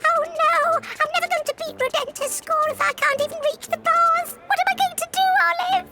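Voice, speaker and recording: A performer voicing a tiny, anxious, polite male cartoon mouse with a squeaky voice. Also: steady tone, a little fast, over music.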